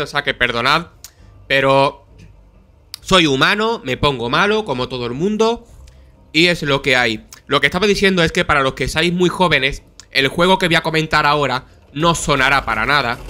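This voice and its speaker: A man's voice: a little high, pushed and bright. A man with a Spain Spanish accent giving casual gameplay commentary, swearing often and chatting to viewers, his throat sore from coughing. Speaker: gameplay streamer.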